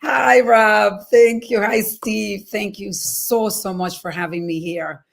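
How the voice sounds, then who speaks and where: A woman's voice: mid-range voice, steady tone, slow, creaky. A middle-aged woman from the Republic, a guest on a talk show, grateful and open as she speaks about her life. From Dominican Republic. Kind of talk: interview answers.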